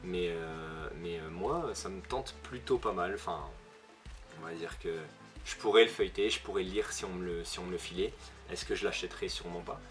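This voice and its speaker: A young man with a northern French ch'ti accent reviews manga for his video in a low, slightly bright voice at a fairly quick pace. The talk is casual and loaded with fillers and self-corrections, over background music.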